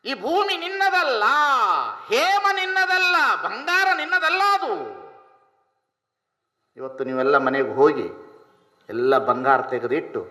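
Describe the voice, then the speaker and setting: A man's voice: high-pitched, slow pace, long pauses. A man with a North Karnataka Kannada accent, preaching a sermon through folksy stories and rhetorical questions. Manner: animated storytelling with rhetorical questions. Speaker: spiritual preacher. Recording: echoey hall.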